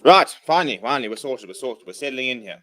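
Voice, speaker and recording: Casting: hungover male streamer, medium pitch, informal rugby watchalong chat and commentary. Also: fast talker, sharp tone. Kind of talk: casual livestream chat and live sports commentary.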